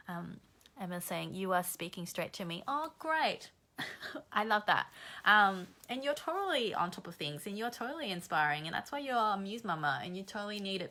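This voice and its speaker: A woman talks to her live stream viewers as a creative coach, her voice slightly hoarse from a recent flu and sitting a little low. She speaks with energy and bluntness, pushing her audience to show up and do the work, yet keeps it encouraging. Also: pushed and bright.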